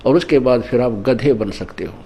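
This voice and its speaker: A man's voice: medium pitch, moderate pace, warm tone, breathy edge. A man preaching at an ashram gathering, teaching through couplets and parables. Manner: didactic, mixing in scripture couplets and parables. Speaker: spiritual teacher. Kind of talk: Hindi sermon.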